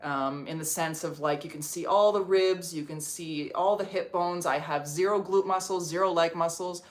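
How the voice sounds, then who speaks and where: On a casual livestream from her Portuguese home, a woman from Canada chats her way through viewer comments, with "like" cropping up constantly. She has a lowish voice, fairly even intonation and a moderate pace.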